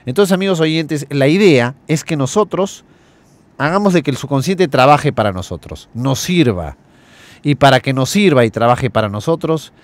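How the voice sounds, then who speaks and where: A man hosting a motivational radio talk, earnestly addressing listeners and slowly listing words. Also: medium pitch. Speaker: radio host.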